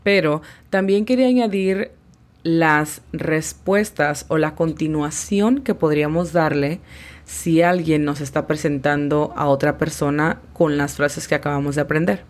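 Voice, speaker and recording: Slow, low-voiced woman teaching English. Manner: slow, careful spelling-out of English words. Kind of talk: language lesson.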